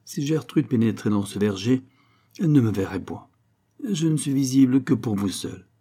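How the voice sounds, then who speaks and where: A man's voice: mid-range voice, animated, normal speed, warm tone, breathy edge. A man voicing a young male angel messenger who speaks eloquently and preaches. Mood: brisk. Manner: solemn, sermonizing delivery.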